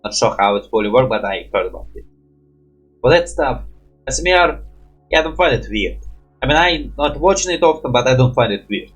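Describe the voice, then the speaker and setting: A man's voice: medium pitch, expressive, fairly quick, slightly rough, soft background music. A man on a headset mic rambling casually in broken English, peppering his talk with "bloody". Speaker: reaction streamer.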